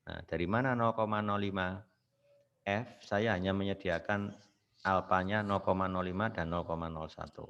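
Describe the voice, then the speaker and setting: Deep-voiced man lecturing, dull lo-fi sound. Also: steady tone, moderate pace, a bit bright, clean tone. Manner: explains step by step with frequent rhetorical questions and "ya" tags. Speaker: statistics lecturer. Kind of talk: recorded university lecture.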